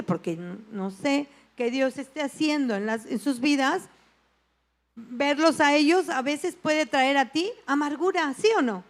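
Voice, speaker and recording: A woman pastor with a Mexican Spanish accent, preaching a sermon and telling a personal story with lively acted-out voices and prayers. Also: high voice.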